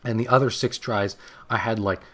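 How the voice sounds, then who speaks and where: Rambling teen guy with a lowish voice. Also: moderate pace. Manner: rambling, excitable storyteller. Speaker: gaming channel host. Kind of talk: storytelling commentary over gameplay.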